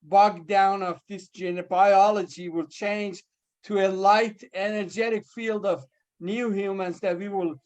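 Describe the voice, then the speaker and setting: A man's voice: high-pitched, steady tone, a little slow, darkish tone. A man hosting an online round table, rambling enthusiastically with many fillers. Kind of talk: casual video-call chat.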